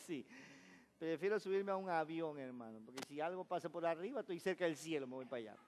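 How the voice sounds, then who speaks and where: A man's voice: a little high, fairly quick, a little mellow. A man preaching a Sunday sermon as pastor, leading the congregation in repeating phrases, calling them brother and slipping in jokes. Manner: call-and-response preaching, addresses listeners as brother; joking asides with laughter. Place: church sanctuary. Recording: echoey church hall.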